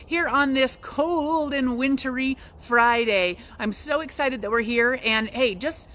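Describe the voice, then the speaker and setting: A woman's voice: high-pitched, slow, fairly bright tone. A young woman hosting a local business video, chatty and upbeat, talking casually as she walks and visits. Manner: chatty and upbeat, with frequent restarts. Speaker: real estate agent hosting a local business show. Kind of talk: casual live video walk-and-talk.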